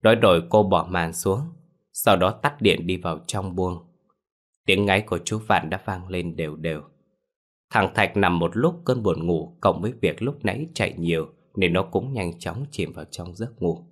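A man narrating a ghost story in a steady, measured way. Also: deep voice.

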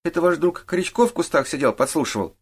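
A man's voice: medium pitch, expressive, fast talker, gravelly, pitched above the performer's own voice. A man reading an audiobook, voicing a sullen teenage boy who answers in grudging mumbles. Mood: indignant. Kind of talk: audiobook character voice.

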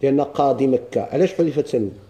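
A man's voice: mid-range voice, mellow. Moroccan man teaching a grammar class. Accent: Moroccan Arabic. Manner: questions the class and answers himself, reads lines slowly. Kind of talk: classroom lesson explaining a text.

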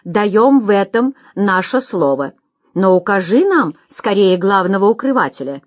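A woman's voice: medium pitch, big pitch swings, a little slow, no echo, clean studio sound. A woman voicing a pompous, commanding male ruler in a storybook reading. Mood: imperious.

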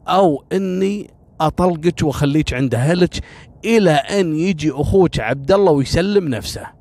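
A man's voice: medium pitch, a little mellow, natural voice. A man voicing a reluctant husband who speaks frankly and with resignation. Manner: pleading, then frank and resigned. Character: cornered husband, weary and reluctant.

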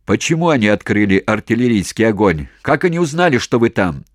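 A man voicing a cool, gruff general. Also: fairly low pitch, fairly quick, dry recording, studio quality, pitched above the performer's own voice. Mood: calm, grumbling. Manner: calm, composed questioning. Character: cool-headed male general at headquarters, gruff.

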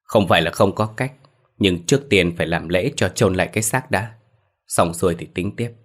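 A man doing a hoarse old village exorcist. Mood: grave. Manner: slow solemn chanting, hoarse low voice. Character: old male village exorcist, grave and solemn.

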